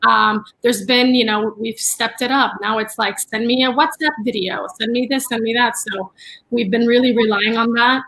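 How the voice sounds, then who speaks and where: Guesting on a casual chat, a middle-aged art dealer and curator from the Dominican Republic who grew up in New York talks through her art career. She tells animated, filler-heavy stories in a gravelly, fairly high voice at a moderate pace. The audio quality is poor.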